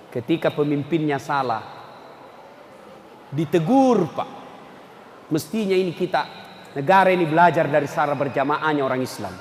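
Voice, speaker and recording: A male preacher, giving a mosque sermon that swings from low murmurs to loud shouts and joking asides. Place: large echoing mosque hall. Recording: echoey hall, faint background noise.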